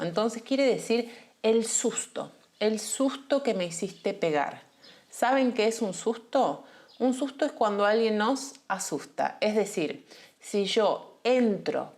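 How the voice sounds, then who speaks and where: Patient Argentine woman teaching Spanish. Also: mid-range voice. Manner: patient, clear, slows down to repeat key words. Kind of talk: explanatory language lesson.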